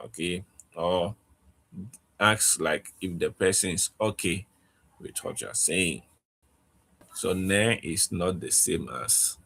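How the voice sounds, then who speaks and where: A man teaching a casual online language lesson, speaking haltingly and often checking in with "okay?". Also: low-pitched, fairly bright tone.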